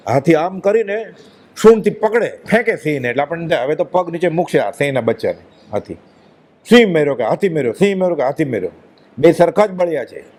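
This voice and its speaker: Man preaching a devotional talk, emphatic, lots of rhetorical questions, fairly high voice. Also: darkish tone. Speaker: religious speaker. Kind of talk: devotional discourse.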